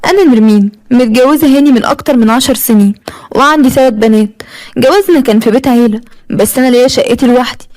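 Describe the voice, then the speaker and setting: A woman in her thirties with an Egyptian accent, telling her own story in the first person. She talks very fast in a high voice, aggrieved and confiding with her listeners. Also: a little mellow. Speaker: narrator.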